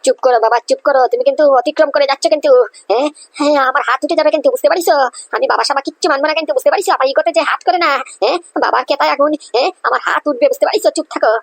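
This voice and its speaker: A woman's voice: sits high, vocal fry. Woman playing a defiant, rebellious son. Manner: threatening, indignant, rapid. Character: defiant rebellious grown son, young man.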